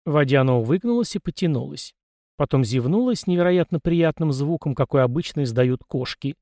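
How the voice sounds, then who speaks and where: A man reading a first-person story aloud in an expressive, animated way. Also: on the high side, fairly quick, dry recording, clean studio sound. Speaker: audiobook narrator. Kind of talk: first-person audiobook narration.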